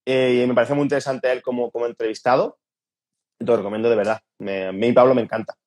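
A man's voice: medium pitch, fast. A man from Andalusia with an Andalusian accent, a podcast guest talking casually and informally, stumbling now and then. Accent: Andalusian Spanish. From Andalusia, Spain. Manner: relaxed, informal, stumbles at times.

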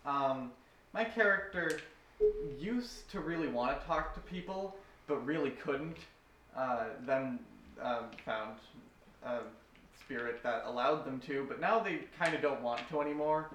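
A man's voice: fairly high pitch, unhurried, fairly bright tone, dull audio. Hesitant man introducing his game character. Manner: hesitant, with fillers. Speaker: player. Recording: roomy room, distant mic, faint noise.

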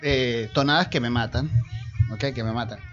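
A man's voice: medium pitch, normal speed, fairly bright tone, dull audio, soft background music. A Venezuelan man hosting a casual radio talk show, chatting with co-hosts and rambling through restarts.

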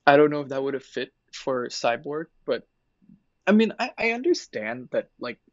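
A man co-hosting a casual podcast, talking in an animated way with many fillers and laughing. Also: medium pitch, moderate pace, no echo, dull audio. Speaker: podcast co-host. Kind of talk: casual chat.

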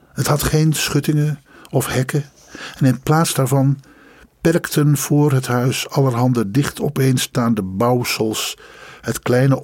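A man reading a story aloud in measured, dramatic audiobook narration. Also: medium pitch, a little mellow, husky, dry recording.

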